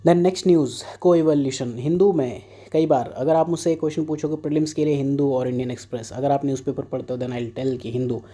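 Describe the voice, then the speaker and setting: Man with a very dark, mellow tone, joking teacher. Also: medium pitch, fairly even intonation, brisk, hardly any pauses. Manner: joking asides, mixes Hindi and English. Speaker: exam prep teacher. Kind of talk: casual current affairs lesson.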